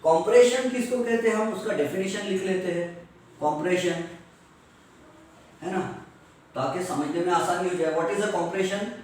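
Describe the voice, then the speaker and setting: Guy teaching science class, high voice, far from the mic, super echoey room. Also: slight background noise. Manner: explains step by step, slowly dictates definitions. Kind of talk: classroom lecture mixing Hindi and English.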